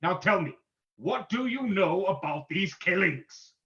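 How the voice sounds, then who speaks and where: A man's voice: sits high, lively intonation, a little slow, fairly bright tone. A man playing a commanding, unseen crime-fighting sleuth in an old-time radio drama reading, formal and theatrical. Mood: stern, menacing. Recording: dull lo-fi audio.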